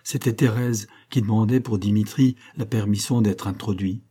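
A man narrating a literary audiobook with a measured, expressive delivery. His voice sits low, with a mellow, warm tone and a husky grain.

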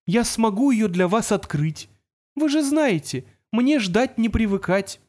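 A man voicing an ancient, gloomy male robot in an audiobook, with a creaky, grating voice and a slow, moaning, self-pitying drawl. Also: sits high, animated, darkish tone, voice pushed up. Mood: mournful. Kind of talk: audiobook character voice.

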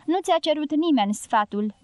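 A woman reading the part of a strong-willed older woman in an audiobook, gruff and curt in manner, in a dry studio sound. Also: high voice, animated, dry recording, pitched above the performer's own voice. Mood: gruff, brooding.

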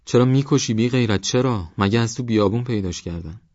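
A man's voice: lowish voice, darkish tone, no echo, highs cut off, lightly acted. A man voicing a desperate village mother who wails and pleads in a raised voice. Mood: outraged.

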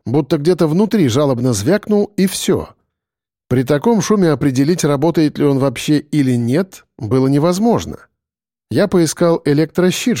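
Brief: male audiobook reader, wry and expressive, lively intonation, dry close mic. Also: on the high side, no echo. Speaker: audiobook narrator. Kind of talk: first-person scripted narration.

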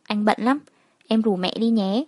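A woman's voice: mid-range voice, normal speed, no room sound, studio quality, natural voice. A woman voicing a curt, dismissive young husband.

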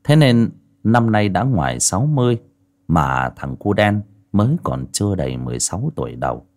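A man narrating an audiobook story in an expressive storytelling manner. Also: fairly low pitch, normal speed.

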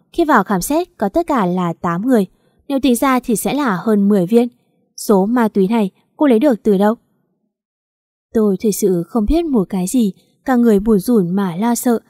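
A woman's voice: mid-range voice, mellow, no echo, studio quality. A woman narrating a first-person drama story, voicing every character herself with small emotional lifts in the dialogue. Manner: reads all parts in one voice, with small emotional lifts in dialogue.

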